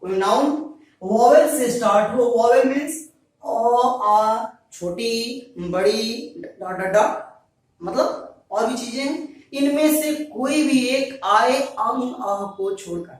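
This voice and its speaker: A man's voice: very high voice, slow pace. A male teacher giving a grammar lesson to students, repeating each point and answering his own questions. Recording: very echoey room, voice far from mic.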